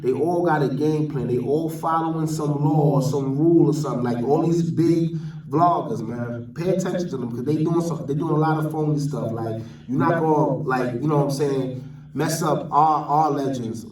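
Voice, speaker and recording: A man from New York, speaking with a New York accent in a medium-pitched, slightly mellow voice, delivers an off-the-cuff opinion rant as a vlogger. He leans on street slang and repeats phrases for emphasis, and the recording is roomy and echoey, with him distant from the mic.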